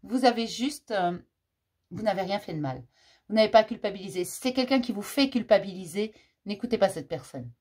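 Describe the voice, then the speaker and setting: A woman's voice: medium pitch, lively intonation, a little fast, a little mellow. A woman giving a casual spoken card reading as host, talking directly to listeners in an informal, reassuring way.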